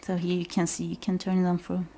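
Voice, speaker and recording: In a dark, low-ish voice with flat, monotone delivery, a young Belgian woman talks fast as she shows off her small apartment on a handheld camera. Dutch is her first language. The casual tour has a little hiss or hum, with occasional giggles and whispered moments.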